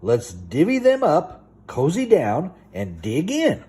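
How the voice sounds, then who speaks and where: A man's voice: a little high, wildly swooping pitch, slow pace, dark tone, slightly rough, heavily acted. A man doing a cozy, friendly badger. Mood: inviting. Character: friendly sniffing badger bringing snacks.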